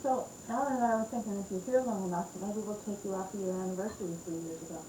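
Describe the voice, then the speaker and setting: A woman's voice: medium pitch, fairly even intonation, fast, mellow, a little hiss or hum. A woman chatting at a dinner table, attentive and filling in with small acknowledgements. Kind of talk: casual dinner-table chat. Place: room in a house at dinner. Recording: echoey room, home recording.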